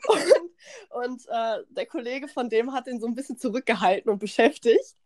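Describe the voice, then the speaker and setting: A young woman hosting a podcast, telling a party story in slangy, animated casual chat and acting out what people said. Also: a little high, normal speed. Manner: animated, slangy, acts out quotes, laughs often. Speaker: podcast host.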